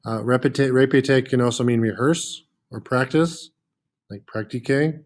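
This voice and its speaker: A man's voice: medium pitch, moderate pace. A man teaching a French lesson, patiently repeating words with frequent "uh" fillers. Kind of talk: classroom lesson.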